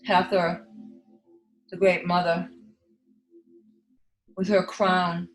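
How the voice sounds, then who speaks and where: Echoey, even-toned woman guiding meditation. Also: lowish voice. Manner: slow, hushed spiritual delivery with long pauses. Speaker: meditation guide. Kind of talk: guided meditation. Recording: echoey reverb over soft music.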